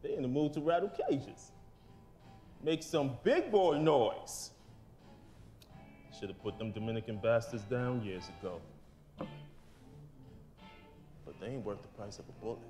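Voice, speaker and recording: An actor playing a menacing male gang boss in a video game cutscene, talking in slow, contemptuous street slang. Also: mid-range voice, animated, dark tone, soft background music, natural voice.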